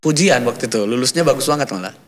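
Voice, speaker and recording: A man's voice: mid-range voice, quick pace. A man in his thirties telling a personal faith story in casual chat, acting out the voices of people in it. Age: 30s. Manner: lively storyteller, acts out quoted dialogue. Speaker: guest.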